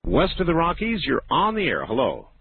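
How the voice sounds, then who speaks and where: A man with a smooth radio host delivery, running a late-night call-in show and talking to his listeners. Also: on the high side, wildly swooping pitch, normal speed. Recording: tinny lo-fi radio broadcast with faint hiss.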